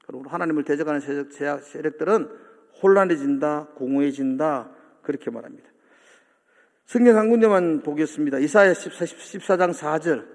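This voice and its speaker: A man's voice: fairly high pitch, darkish tone. A male pastor preaching a sermon in a church, often asking the congregation questions and seeking their agreement. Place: church sanctuary. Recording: long hall reverb from a church.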